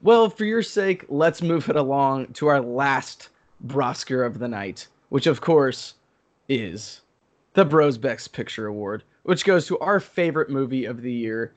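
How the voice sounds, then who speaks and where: A man's voice: mid-range voice, expressive, unhurried. A man hosting a podcast as a mock awards emcee, presenting in a casual, joking way.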